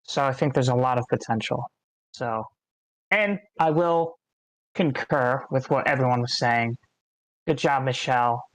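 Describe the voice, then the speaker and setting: Someone with an American accent gives feedback on a script, chatting casually, rambling and thinking aloud. The voice is mid-range and a little slow, captured in a low-quality recording with no room sound.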